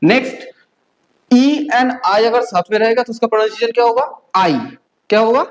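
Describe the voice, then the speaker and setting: A woman from India teaches a beginner class at a measured, methodical pace. She spells sounds out one by one, and a steady "okay?" runs through her speech to keep learners with her. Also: a little high, poor audio. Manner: patient drilling, frequent "okay?" check-ins, slow spelled-out letters. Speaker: German language teacher. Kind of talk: beginner language lesson.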